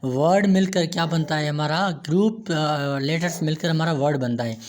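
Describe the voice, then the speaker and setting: A man's voice: on the high side, normal speed. A man giving a grammar lecture, repeating himself and answering his own questions as he goes. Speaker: teacher.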